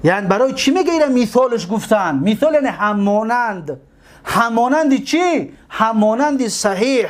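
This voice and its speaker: A male teacher with a Tajik accent, speaking in a fairly high voice. He drills word forms one by one in a steady lecture and poses questions to his class before answering them himself. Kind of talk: classroom lecture, explaining grammar.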